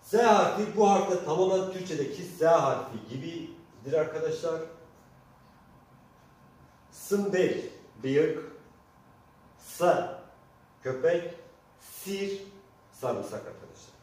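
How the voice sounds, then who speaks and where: With a fairly high, animated, slightly mellow voice, a Kurdish teacher walks Turkish speakers through the alphabet, spelling letters slowly, repeating sample words, and turning to his listeners often. Faint noise and heavy echo come through the distant microphone.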